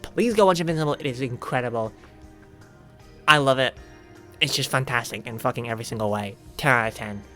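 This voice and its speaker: A woman streamer chatting casually about a show she loves, excitable and swearing constantly. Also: a bass voice, brisk, pauses often, soft background music. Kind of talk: casual chat.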